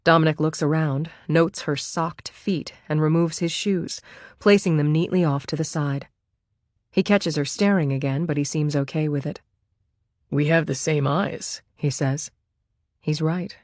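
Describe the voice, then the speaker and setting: A woman reading a thriller audiobook as its narrator, in calm, measured scripted narration. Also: low voice, no echo, studio quality.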